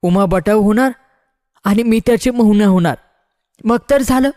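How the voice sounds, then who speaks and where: A man's voice: sits high, normal speed, darkish tone, pitched above the performer's own voice, close to an everyday voice. A man voicing a bold, decisive young village woman in a read-aloud story. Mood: resolute.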